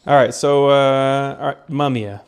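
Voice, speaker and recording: A man's voice: mid-range voice, steady tone, measured pace, smooth. A young man co-hosting a casual podcast, explaining research in a rambling way, with lots of fillers and restarts. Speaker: podcast co-host presenting research. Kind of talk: casual chat.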